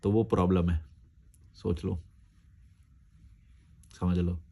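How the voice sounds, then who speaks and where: A man's voice: low-pitched, fairly even intonation, slow pace, vocal fry, warm tone, slightly rough. A man answering viewer comments in a casual chat, blunt and argumentative, recorded outdoors. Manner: blunt, argumentative, reads comments aloud then rebuts.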